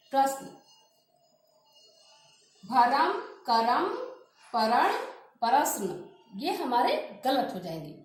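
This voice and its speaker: Woman teacher going over spelling slow, repeats each word, really lively high voice. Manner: slow, deliberate, repeats words to drill pronunciation. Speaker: Hindi grammar teacher. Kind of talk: classroom lesson with spoken examples. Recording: very echoey room.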